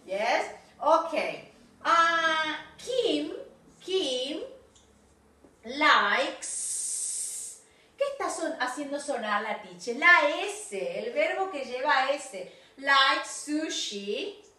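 A woman teacher with a Rioplatense Spanish accent leads a video lesson for small children at a very slow, drawn-out pace. Her voice is high, bright and lively in pitch. It is recorded in an echoey room from some distance. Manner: slow, drawn-out drilling with frequent "yes, ok". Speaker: English teacher.

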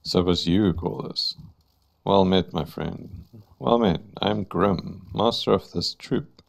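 A man's voice: sits low, a little slow, gravelly, exaggerated voice. A man reading the lines of a sinister troupe master in a stately, theatrical way. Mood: grandiose.

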